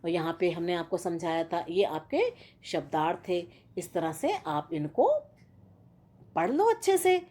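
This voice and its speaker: A woman's voice: on the low side, very animated, unhurried, dark tone. A woman teaching a school grammar lesson, explaining patiently and often checking that students follow. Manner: patient, repeats and checks with "theek hai na". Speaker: Sanskrit teacher.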